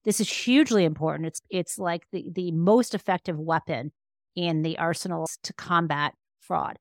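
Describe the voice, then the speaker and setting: A law professor and author appears as an expert guest on a podcast interview, explaining things in a fairly low voice at a moderate pace. Her delivery is conversational and emphatic, with frequent rephrasing, and the recording is dry, close, and free of room sound or echo.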